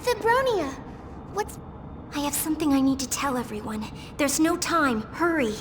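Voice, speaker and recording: A woman's voice: high voice, expressive, moderate pace, noisy background. An actress playing an alarmed young woman with urgent, emphatic delivery in a game cutscene. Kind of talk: dramatic game cutscene acting. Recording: music behind the voice.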